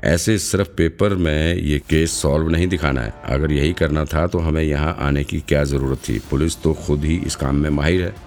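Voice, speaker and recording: A man's voice: extremely low pitch, fairly even intonation, normal speed, few pauses, a little mellow, faint music behind. A man as a stern seasoned detective. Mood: firm. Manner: firm, commanding.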